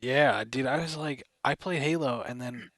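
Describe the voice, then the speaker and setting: A man's voice: mid-range voice, normal speed, fairly bright tone, no echo, clean studio sound. A young man co-hosting a casual podcast, asking loose questions. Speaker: podcast co-host.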